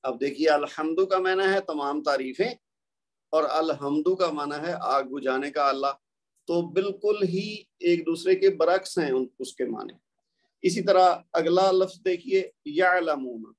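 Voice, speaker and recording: Patient Urdu-speaking man teaching tajweed. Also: on the high side. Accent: Pakistani Urdu. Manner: patient, explanatory, contrasts word pairs slowly. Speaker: Quran recitation teacher. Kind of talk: recorded tajweed lecture.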